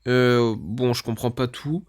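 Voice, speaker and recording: A man's voice: mid-range voice, fairly even intonation, slow. A man giving casual let's-play commentary, thinking aloud as he reads through menus and often admits he is unsure what things mean. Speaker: gaming video creator.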